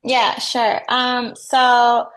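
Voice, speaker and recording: A woman's voice: on the high side, monotone, drawn-out words, fairly bright tone. A woman in her thirties, raised in the US, chatting casually as a guest about her work as a real estate agent, with frequent "like" and light laughs. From United States. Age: 30s. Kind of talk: casual interview answers.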